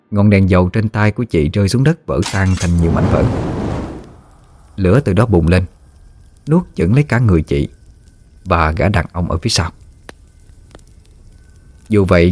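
A man narrating a scripted horror story in a steady, even storytelling manner. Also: low-pitched, dry recording. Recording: dry studio voice-over with faint music.

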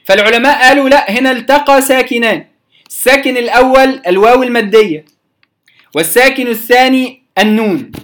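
A man's voice: very high voice, a little fast, fairly bright tone. A man with an Egyptian accent giving a recorded lesson on Quran recitation, explaining rules through questions he answers himself and stretching out example words. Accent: Egyptian Arabic. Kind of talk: recorded lecture on tajweed.

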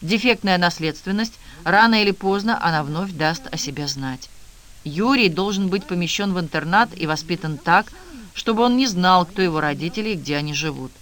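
A man reading the lines of a cold, stern older male scientist who talks curtly and flatly. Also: high-pitched, normal speed. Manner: curt and flat.

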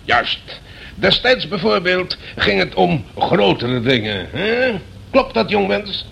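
This man's exaggerated voice sits high and sing-song, slow and fairly bright, with the highs cut off. He's an actor in a radio play as a blustering, pompous retired general reminiscing heartily and admiringly, going over the same points again. Background hiss runs through the creaky drama recording.

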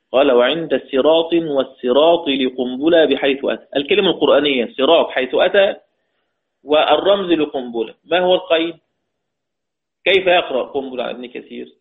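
A man teaching a religious lesson on Quran recitation rules, explaining step by step and asking his students questions. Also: on the high side. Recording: tinny phone-like audio.

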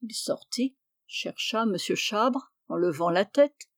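A woman reading a classic story aloud in measured, descriptive narration. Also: medium pitch, animated, no echo, clean studio sound. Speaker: reader.

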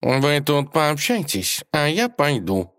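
A man voicing a slow, mumbling lazy cat. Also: a little high, very animated, fairly bright tone, pitched above the performer's own voice, exaggerated voice. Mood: laid-back. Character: wise lazy house cat, unhurried male. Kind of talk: audiobook character voice.

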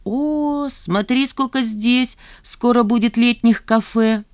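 A woman reading an audiobook, voicing a proud, sharp-tongued young woman. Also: fairly high pitch, slow pace, no room sound, clean studio sound, voice pushed up. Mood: bitter, haughty. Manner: haughty, cutting retorts.

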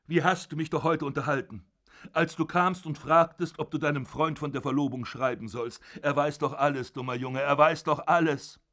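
A man voicing a raging old father who scornfully shouts down his son in an audiobook reading. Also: on the high side, moderate pace, voice pushed up, lightly acted. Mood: mocking.

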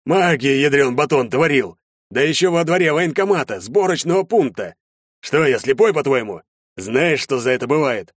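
In an audiobook, a man voices a gruff older army major who is furious, barking out commands and scolding loudly. He pitches the character above his own mid-range voice, though it stays close to an everyday voice, at normal speed in a dry, clean studio recording.

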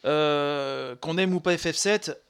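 A man co-hosting a podcast, chatting in a halting way with many restarts and fillers. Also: a little high, a bit bright, clean tone. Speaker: podcast co-host. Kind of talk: casual chat about retro games.

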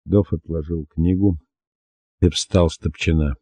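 A man narrating an audiobook in a measured, steady reading. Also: sits low, dry recording. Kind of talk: scripted narration. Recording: dull dry lo-fi recording.

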